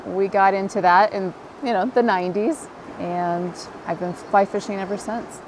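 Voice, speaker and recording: A woman's voice: medium pitch, steady tone, normal speed, noisy background. A middle-aged woman with a Montana American accent, a fly fishing guide, talking earnestly and with enthusiasm in an outdoor interview by a river. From Montana, USA. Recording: interview with music bed.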